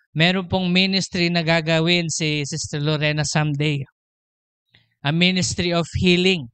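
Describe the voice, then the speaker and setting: Pastor guy preaching, mixes tagalog and english, dry close sound, kinda high voice. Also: a bit bright, smooth, no echo. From Philippines. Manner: switches between Tagalog and English, storytelling, laughs often. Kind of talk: sermon.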